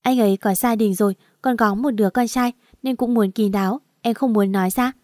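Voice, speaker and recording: A woman's voice: a little high, steady tone, a little fast, a little mellow, no room sound, clean studio sound, lightly acted. A woman voicing a sly, scheming young woman who speaks sweetly. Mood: confiding.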